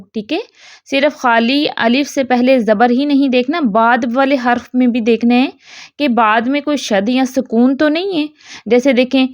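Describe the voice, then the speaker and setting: A woman teaching Quran pronunciation rules, explaining step by step and checking in with her students. She draws out the example words slowly when she recites them. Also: high voice, no room sound, clean studio sound. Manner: explains step by step, keeps checking with "theek hai". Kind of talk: online tajweed lesson.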